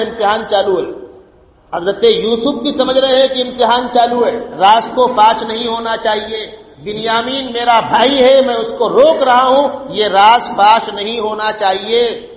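A male preacher giving a sermon, telling a scripture story, acting out its dialogue and chanting Arabic verses. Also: high-pitched. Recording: echoey hall, dull lo-fi sound.

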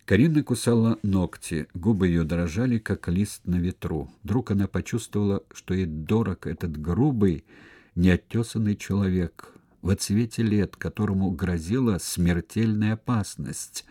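A man narrating a historical novel as an audiobook, in a measured, expressive reading. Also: sits low, breathy edge.

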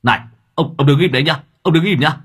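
A man voicing a hot-tempered male motorbike-taxi driver who talks loud, brash and crude. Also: fairly low pitch, sing-song, moderate pace, slightly rough, exaggerated voice. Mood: blustering angry.

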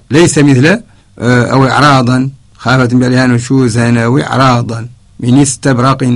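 A man from Mauritania teaches a radio lesson on Quranic spelling, speaking in a steady voice of middle pitch. He works methodically through numbered examples and recites short verse fragments between his explanations. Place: radio studio.

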